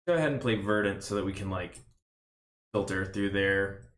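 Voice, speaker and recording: A man's voice: sits low, moderate pace, a bit bright, roomy sound. A man streaming a card game, thinking aloud in casual play-by-play commentary with rambling, self-mocking asides. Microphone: desk stream mic.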